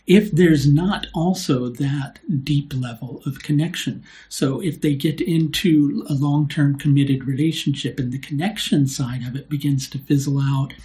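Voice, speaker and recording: A man hosting his own astrology video, speaking in a mellow, unhurried voice. He explains at an easy conversational pace, often tagging his points with "right?" and pausing on small fillers. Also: fairly high pitch. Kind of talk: solo explanatory video talk.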